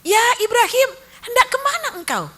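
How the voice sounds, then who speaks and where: A woman's voice: very high-pitched, big pitch swings, fairly quick, fairly bright tone, a little hiss or hum, voice pushed up, full character voice. A woman voicing Hajar, a devoted young wife, earnestly questioning her husband in a story told in a religious lecture. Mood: anxious pleading.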